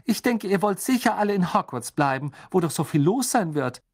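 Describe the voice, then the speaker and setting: A man voicing a warm, motherly middle-aged witch in a high, lilting voice. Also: very animated, a little fast, dry recording, studio quality, exaggerated voice. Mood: fond.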